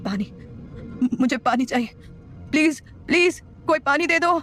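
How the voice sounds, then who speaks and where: A woman's voice: sits high, expressive, normal speed, fairly bright tone, soft background music, pitched above the performer's own voice. Beaten captive man, weak faltering begging voice, audio drama, done by a woman. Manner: faltering, pleading.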